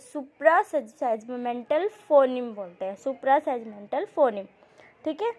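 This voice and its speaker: Female coaching-class teacher, high voice, patient explainer who keeps checking in with students. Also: darkish tone. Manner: reads English passages slowly and deliberately. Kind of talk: exam-prep coaching lecture.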